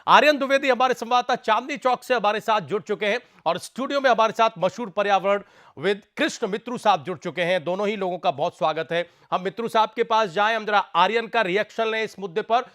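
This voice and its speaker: High-pitched male news anchor. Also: fairly bright tone. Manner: formal, measured, brief affirmations. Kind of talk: studio news discussion hosting. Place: TV studio.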